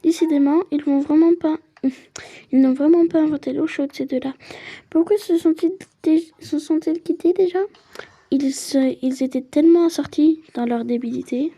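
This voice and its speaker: With fairly even intonation and a moderate pace, a woman casually plays a story game, reading its first-person narration aloud and mixing in easygoing side comments. Her pitch is high, but the tone is very mellow and warm, never edgy.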